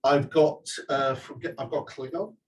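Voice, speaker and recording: The author, a man with a mid-range voice and a measured pace, chats through a live talk and audience Q&A at an event venue, wandering off topic and frequently restarting or using fillers. A distant microphone picks him up along with some hiss or hum.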